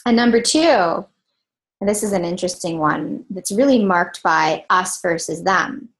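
A woman's voice: fairly low pitch, lively intonation, a little slow. Frank, emphatic woman podcast host. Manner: frank, emphatic, with a dry laugh. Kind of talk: candid solo podcast commentary.

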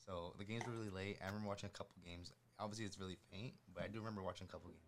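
A man working the camera, chiming in with quiet, rushed asides from off the mic. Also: low voice, steady tone. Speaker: camera operator. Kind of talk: casual chat. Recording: distant off-mic voice.

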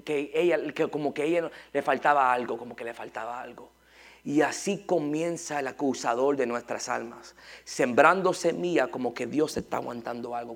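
A male preacher, delivering a lively sermon. He keeps repeating words and firing rhetorical questions at his listeners. His voice is gravelly and sits a little high for a man.

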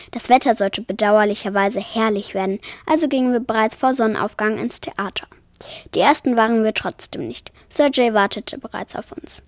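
A woman reading a children's story aloud with calm, soft-spoken narration. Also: medium pitch, no echo. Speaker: podcast storyteller.

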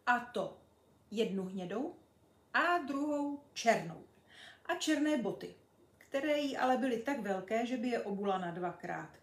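A woman reading a children's book aloud, expressive and storytelling, in an echoey room. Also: mid-range voice. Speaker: reader.

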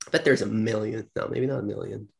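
A man co-hosting a podcast in casual chat, rambling and laughing, with some vocal fry. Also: on the low side, steady tone, quick pace. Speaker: podcast co-host.

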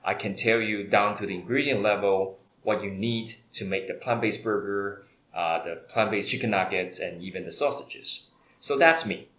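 A man's voice: on the low side, moderate pace, a bit bright. A man from Taiwan, a company founder, answering interview questions in a hesitant way with many fillers. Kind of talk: conversational interview. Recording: echoey room.

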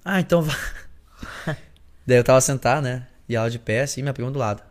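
A young adult man and singer, telling a story in a casual podcast chat, animated and full of slang. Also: medium pitch, normal speed. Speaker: singer and musician, podcast guest.

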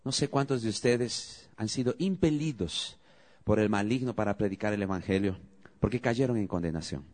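A man's voice: on the low side, normal speed, a little mellow. A man preaching a sermon as pastor, calling out questions to the congregation and leading prayer with rising emphasis.

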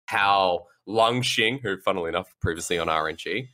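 Speaking at normal speed, he's an esports analyst chatting casually on a panel, his voice deep and low yet bright and forceful. He meanders through lengthy opinions, restarting often, leaning on fillers, and apologizing for ranting.

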